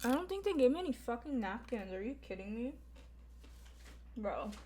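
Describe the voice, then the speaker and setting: A young woman vlogs mukbang-style, chatting informally to viewers as she eats, using lots of filler words and mild swearing. Her slightly high, mellow voice is very animated and moves at normal speed.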